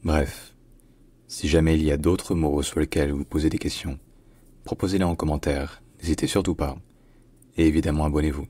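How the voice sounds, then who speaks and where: Low husky man explaining pronunciation. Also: fairly even intonation, mellow. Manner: careful, repeats demonstration words slowly. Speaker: English pronunciation teacher. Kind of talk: explanatory lesson to camera.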